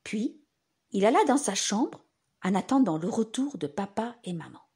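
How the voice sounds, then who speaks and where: A woman narrating a children's bedtime story in simple, expressive phrases, as if reading to a toddler. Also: mid-range voice, normal speed, slightly rough.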